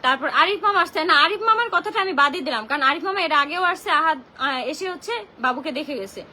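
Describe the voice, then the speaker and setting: Woman, very high pitch, rapid, heated livestream rant, phone mic. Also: animated, sharp tone, slight background noise. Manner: indignant, heated, full of rhetorical questions. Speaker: social media livestreamer.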